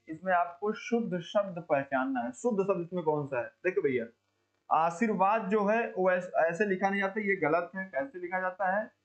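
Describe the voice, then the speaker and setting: A man teaching an exam coaching lesson, quizzing students and slowly repeating words to drill pronunciation, chatty and calling listeners brother. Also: high voice, muffled recording. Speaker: Hindi teacher.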